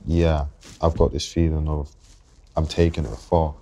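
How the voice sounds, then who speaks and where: Very deep and pitched evenly, the voice belongs to a young London rapper in his 20s being interviewed on a podcast. He reflects as he talks, pausing and restarting sentences while he figures out what he means.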